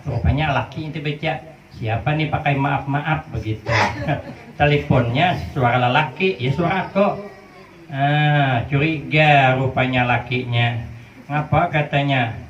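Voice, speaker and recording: A man in his fifties with a Banjar Malay accent, giving a humorous sermon, telling stories in playful dialogue and chanting Arabic phrases. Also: a little high. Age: 50s. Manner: storytelling with playful dialogue and sing-song Arabic recitation. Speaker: preacher. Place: hall with a live audience. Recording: echoey, distant, muffled crowd hall recording.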